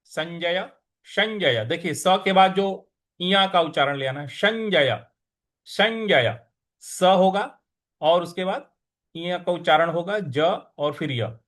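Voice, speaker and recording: A man with a fairly high voice teaches recitation at an extremely unhurried pace. He chants each verse with the syllables drawn out long, then breaks down the pronunciation sound by sound in a patient, deliberate way. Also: fairly bright tone. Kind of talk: slow recitation lesson with chanting.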